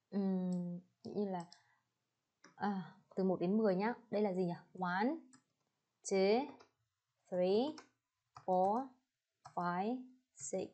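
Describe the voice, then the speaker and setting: A young woman teacher with a Vietnamese accent, drilling English numbers and addresses slowly and checking in with her pupils. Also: mid-range voice, dark tone. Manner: slow, clearly spelled-out English words, checks in with the class. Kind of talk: classroom lesson with drills.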